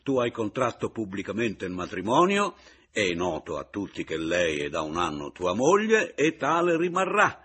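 A man doing a booming, teasing man toying with a rival. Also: wildly swooping pitch, normal speed, fairly bright tone, breathy edge, full character voice. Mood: mocking. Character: mocking, jovial man back from the dead.

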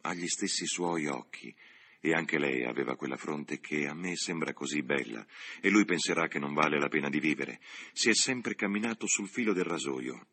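A man voicing a gentle, grieving old widower in an audiobook, speaking slowly and sorrowfully in a husky voice. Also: a bass voice, heavily acted. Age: over 60.

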